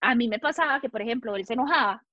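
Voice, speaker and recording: A woman's voice: a little high, rapid-fire, bright, forceful tone, dry recording, muffled recording. A woman guest in a casual chat, animatedly telling a personal story.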